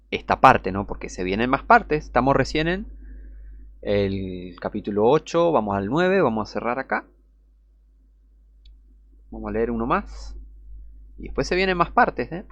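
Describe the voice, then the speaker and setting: A man's voice: mid-range voice, fairly bright tone, no room sound. Indignant man preaching. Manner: indignant, repetitive, scornful. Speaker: Bible teacher. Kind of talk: heated online Bible teaching.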